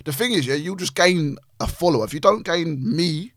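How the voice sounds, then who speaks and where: A man's voice: fairly high pitch, a little fast, a bit bright, dry recording, studio quality. A man with a London roadman accent, chatting casually and urging his point in slangy bursts. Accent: London roadman, urban street slang. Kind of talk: casual group chat about music.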